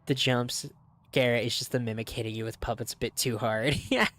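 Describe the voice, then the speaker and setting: A young man giving casual, excited, rambling commentary while streaming a game, laughing often. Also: medium pitch, moderate pace.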